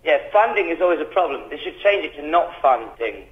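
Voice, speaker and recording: A man's voice: fairly high pitch, big pitch swings, fairly quick, a little hiss or hum. A man on speakerphone during a phone interview, dropping short, dry wisecracks. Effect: on speakerphone over a phone call. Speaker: band member interviewed by phone. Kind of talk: casual joking chat. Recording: roomy, muffled speakerphone line.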